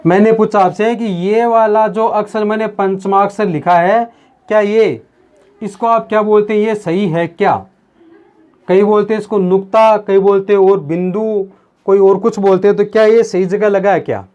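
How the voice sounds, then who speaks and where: A man teaching a grammar lesson on video. He talks slowly and repeats himself, calls the viewers his friends, and asks questions that he then answers himself. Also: sits high, fairly even intonation, a little mellow, smooth. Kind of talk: video lesson explaining at a board.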